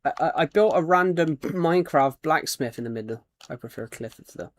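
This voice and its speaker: With a voice on the high side, a British livestreamer talks expressively and briskly while playing a game. He rambles casually and reads viewer comments and names aloud, and the audio has no room sound.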